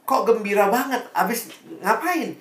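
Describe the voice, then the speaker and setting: Preacher voicing a nosy, excitable friend. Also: medium pitch, unhurried, voice pushed up. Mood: excited. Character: curious envious friend, excitable. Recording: echoey room, voice far from mic.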